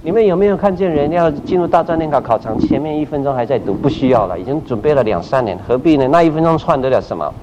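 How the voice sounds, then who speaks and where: Middle-aged male pastor, animated teacher who acts out his examples, muffled lo-fi audio with loud noise behind. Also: fairly high pitch, fast, hardly any pauses. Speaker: pastor teaching group leaders. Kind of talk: church training talk. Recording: dull recording with loud background noise.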